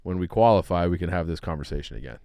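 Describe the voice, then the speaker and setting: A man's voice: deep voice, animated, rapid-fire, vocal fry, mellow, clean tone, no echo. An American man trading casual sports banter as a podcast panelist, with a dry, needling manner. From United States.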